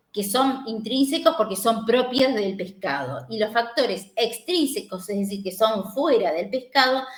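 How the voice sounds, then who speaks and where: A woman's voice: medium pitch, fairly bright tone. A woman from the River Plate region giving a university lecture, explaining step by step, with many fillers and tag questions. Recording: echoey room.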